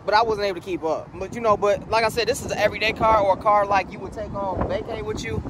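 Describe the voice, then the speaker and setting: Over a noisy crowd, a man with a high voice, fairly even intonation, and quick pace shows off a parked car to his viewers, filming outdoors on a handheld phone. The car vlogger is slangy, loose, and profane and talks right at his audience. The recording is rough, with wind noise on the mic.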